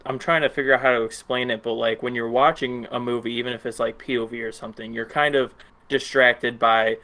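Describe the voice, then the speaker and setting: A man's voice: medium pitch, fairly even intonation, fairly quick, pushed and bright. A man co-hosting a film podcast, talking casually and hesitantly with many fillers. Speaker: podcast co-host. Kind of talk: casual film review chat.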